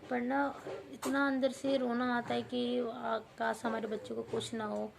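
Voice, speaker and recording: A young mother with a hoarse voice, tearfully vlogging about her sick baby. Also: a little high, level tone, a little slow, noisy background. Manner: tearful, worried, talking softly to her baby. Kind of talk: emotional home vlog.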